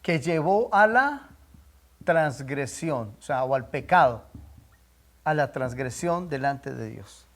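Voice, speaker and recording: A man with a high voice teaches a Bible class. He drives his points home by saying them again and prompting the listeners to call out answers. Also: animated, slow, fairly bright tone. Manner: quizzes listeners with prompting questions; emphatic, repeats key points.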